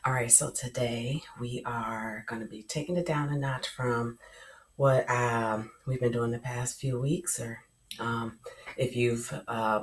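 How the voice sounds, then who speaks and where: A yoga instructor with a rough morning voice gives gentle, soothing guidance at home, sometimes sinking to a soft near-whisper. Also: mid-range voice. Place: home room. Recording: roomy, distant, faint background noise.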